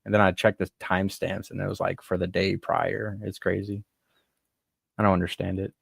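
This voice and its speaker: Man, very deep voice, gravelly fry, easygoing live-stream chat, dry sound. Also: flat delivery, moderate pace, dry recording.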